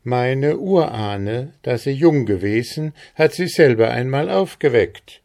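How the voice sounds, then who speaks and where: A man reading aloud, voicing a gentle, mysterious old village widow who speaks mildly and softly. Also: medium pitch, animated, takes it slowly, pitched above the performer's own voice. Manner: mild, secretive, soft-spoken.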